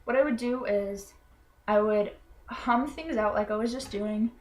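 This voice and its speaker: Speaking at a measured pace in a fairly high-pitched voice, a young woman explains something in a personal explanatory video. She's a Florida college student in young adulthood, earnest and self-conscious, with a hesitant delivery full of ums and restarts.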